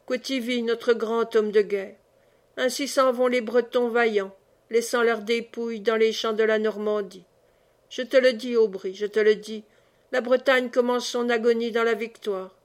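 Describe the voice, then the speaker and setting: A woman's voice: on the high side, natural voice. A woman reading the part of an old man who speaks in exalted, declamatory prophecy. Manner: solemn, declamatory.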